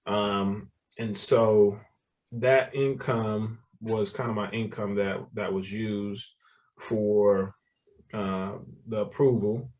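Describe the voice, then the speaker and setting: A man's voice: on the low side, steady tone, takes it slowly, a little mellow, distant mic. A man, telling his story as a guest in a casual interview, laughing often and repeating words. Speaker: guest, real estate developer.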